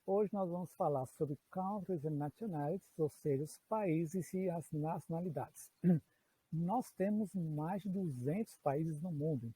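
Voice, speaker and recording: A man's voice: fairly high pitch, dark tone, slightly rough, low-quality recording. A man teaching a recorded English lesson, explaining patiently and checking in with his students. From Brazil.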